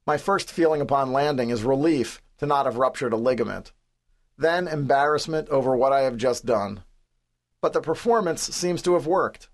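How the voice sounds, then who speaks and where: A man in his forties from the New York City area, reading his own memoir aloud in a wry, understated, self-deprecating way. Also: medium pitch. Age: 40s. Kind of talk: scripted audiobook narration.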